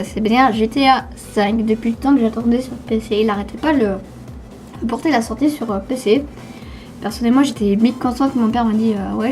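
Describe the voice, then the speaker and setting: Teenage girl, slushy lisping s, high mellow voice, hesitant, casual vlog Q&A. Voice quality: slushy lisp from new dental brace. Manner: hesitant, stumbling over words. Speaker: YouTube gamer answering viewer questions.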